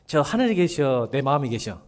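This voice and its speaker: Animated pastor with a lively voice. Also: male voice, mid-range voice, fairly quick. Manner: animated, joking with the congregation, bursts into shouting. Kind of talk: sermon. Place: church sanctuary.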